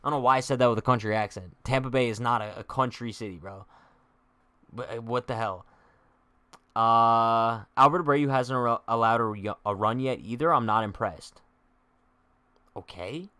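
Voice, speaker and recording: A man's voice: medium pitch, moderate pace, pushed and bright, smooth, dry recording. A young man hosting a live-stream sports chat, trash-talking in a joking way, heavy on slang, and reading viewer comments aloud. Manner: slangy, says "bro" a lot. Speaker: sports show host.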